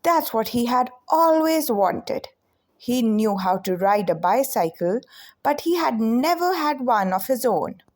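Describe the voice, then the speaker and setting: A female storyteller reads to children, her pitch slightly raised and her intonation very lively. She's expressive and unhurried, letting each phrase land.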